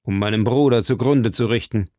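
A man reading aloud and voicing a grim executioner who speaks slowly and gravely. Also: medium pitch, mellow, no echo, studio quality, natural voice. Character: grim male executioner, dutiful and implacable.

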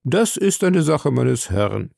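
A man's voice: mid-range voice, sing-song, takes it slowly, creaky, darkish tone, no room sound, clean studio sound, full character voice. A man reading an audiobook, voicing an earnest, pedantic servant who lectures on classification. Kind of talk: audiobook character voice.

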